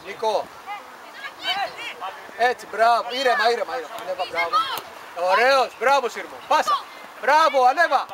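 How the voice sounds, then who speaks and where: A man coaching football from the sideline outdoors, shouting short repeated commands and praise to his players. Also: very high voice, lively intonation, long pauses. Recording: noisy outdoor field recording.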